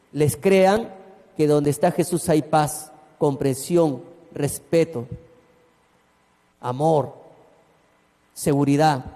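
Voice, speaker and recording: A pastor with a fairly high, warm voice preaches a sermon in a church hall, telling a story and adding asides for his congregation. The recording carries the long reverb of the hall.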